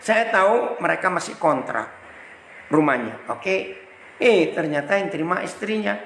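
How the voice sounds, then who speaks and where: Older Indonesian evangelist, animated and gravelly. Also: male voice, sits high, moderate pace, roomy sound, slight background noise, low-quality recording. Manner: animated, acts out both sides of conversations. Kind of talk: sermon storytelling.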